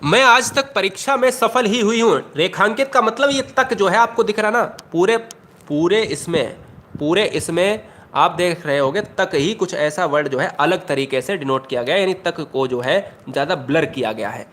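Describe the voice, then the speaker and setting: A man's voice: a little high, lively intonation, moderate pace, fairly bright tone, slight background noise. A man teaching an exam-prep Hindi lesson, emphatic, often repeating questions and speaking straight to his students.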